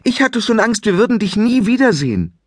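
A man voicing a fussing mother giant in a children's audiobook, speaking shrill and high. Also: very animated, brisk, no room sound, clean studio sound. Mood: relieved.

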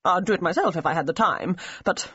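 A woman's voice: on the low side, fairly bright tone, slightly rough, no room sound. Woman voicing a muttering evasive army major. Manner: muttering, dodging and hurried. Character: evasive middle-aged male army major. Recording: slightly muffled audio.

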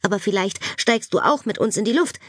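A woman's voice: medium pitch, brisk, dry recording, clean studio sound, voice pushed up, close to an everyday voice. A woman reading an audiobook, voicing an eager, bossy young schoolgirl full of ideas. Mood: excited. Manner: excited, bossy. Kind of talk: audiobook character voice.

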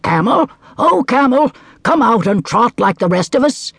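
A man doing a high, indignant storybook horse. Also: sing-song, unhurried, gravelly, fairly bright tone, breathy edge, no room sound, full character voice. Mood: pleading. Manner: pleading, indignant. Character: eager, complaining male horse.

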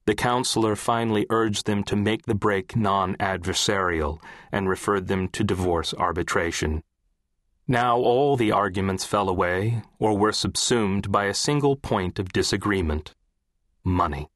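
A man reading literary fiction as an audiobook narrator, in a measured, composed way. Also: on the low side, a bit bright, dry recording, studio quality.

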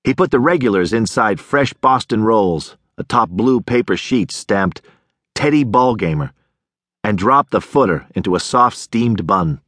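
A man narrating an audiobook in expressive storytelling style, recorded close on a studio mic. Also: lowish voice, normal speed, few pauses, no room sound. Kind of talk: scripted narration.

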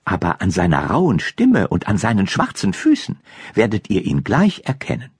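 A man's voice: on the low side, wildly swooping pitch, normal speed, slightly rough, no echo, studio quality, heavily acted. Man doing a worried old mother goat. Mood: warning. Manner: earnest, warning.

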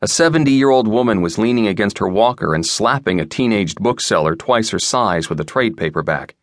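A man narrates an audiobook in a wry, dry first-person voice. His pitch sits on the low side. The close studio recording is bone dry with no room sound. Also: expressive, brisk, no room sound. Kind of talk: scripted narration. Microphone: close studio mic.

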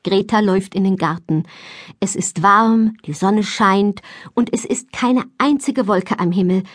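Lively woman narrator for a kids' audiobook, dry studio read. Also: mid-range voice, unhurried, no room sound. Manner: lively, expressive storytelling. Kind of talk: scripted children's story narration. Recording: dry close studio sound.

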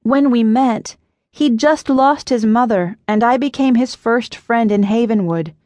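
A woman voicing a kind, earnest young woman who runs a pie shop and speaks softly. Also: on the high side, measured pace, no room sound, lightly acted. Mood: gentle.

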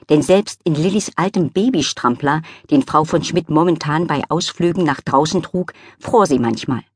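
A woman reading a children's audiobook aloud in an expressive, scripted narration. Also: low-pitched, slightly rough, no room sound, studio quality.

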